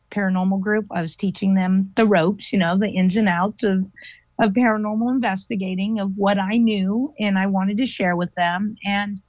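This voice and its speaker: A woman, a guest paranormal investigator, telling a story in an animated, chatty way with lots of fillers. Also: medium pitch, dry recording. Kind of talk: casual storytelling interview. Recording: dull lo-fi dry audio.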